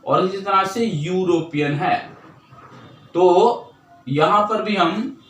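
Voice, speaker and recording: A man's voice: high voice, fairly bright tone, roomy sound, recorded from a distance, low-quality recording. A man with an Indian accent teaching an English grammar lesson, explaining step by step and answering his own questions. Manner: drawls example words slowly.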